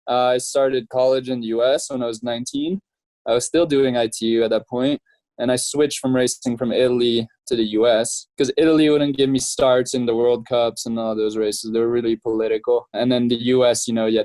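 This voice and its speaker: A relaxed young Frenchman, a professional triathlete appearing as a guest, tells his story in a casual interview, loose and chatty with plenty of fillers and easy laughter. His voice sits at an ordinary middle pitch. The recording is close, dry and rough, with no room around it.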